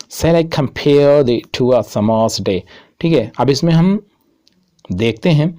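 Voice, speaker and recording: A man giving an exam-prep lecture, slowly reading out English lines as he explains them. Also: medium pitch, warm tone. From India. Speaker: teacher.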